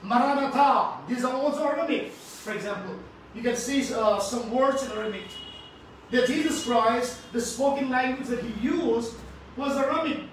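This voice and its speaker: A man's voice: very high voice, moderate pace. Indian-accented man preaching in echoey hall. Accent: Indian English. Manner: emphatic, repeats phrases, asks congregation to respond. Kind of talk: sermon to a congregation. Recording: very echoey hall, from far off, faint noise.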